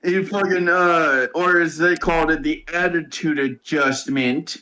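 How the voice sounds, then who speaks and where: A man casually recapping a wrestling match, halting with many fillers and swearing often. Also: fairly high pitch, steady tone, sharp tone, rough recording. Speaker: wrestling reviewer. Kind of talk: casual podcast chat.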